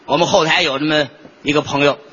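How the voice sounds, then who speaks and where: A man performing crosstalk comedy as the lead comedian, telling a story with animated, theatrical delivery. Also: fairly high pitch, fast, slightly rough, highs cut off.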